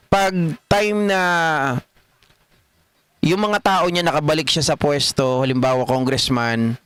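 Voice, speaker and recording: A man's voice: a little high, a bit bright, clean tone, no room sound. A middle-aged Filipino man hosting a political livestream, reading viewer comments in a chatty way and laughing often. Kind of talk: casual live commentary reading chat.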